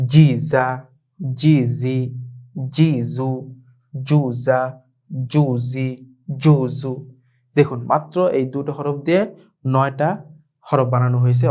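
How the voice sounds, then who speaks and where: A man's voice: mid-range voice, a little mellow. A man with a Bangladeshi Bengali accent teaching an online Quran reading lesson, patiently repeating letters and words for learners to echo.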